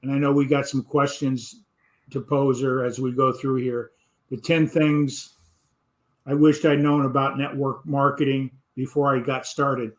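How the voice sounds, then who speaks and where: An older man hosting a business talk show, with a steady delivery and fillers. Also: mid-range voice, a little slow. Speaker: host.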